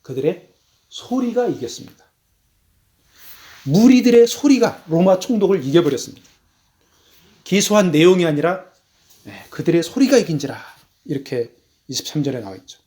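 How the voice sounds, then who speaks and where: A male missionary preaches an emphatic, measured sermon, his mellow voice swinging widely in pitch as it rises on key words, then drops low. He slows down to add stress.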